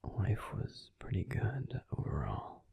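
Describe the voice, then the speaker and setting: Heavily acted and slow, this ASMR roleplay has a man voicing a grumpy young werewolf boyfriend in a breathy, soothing whisper close to the mic. His low voice swings hugely in pitch, and the recording is dry.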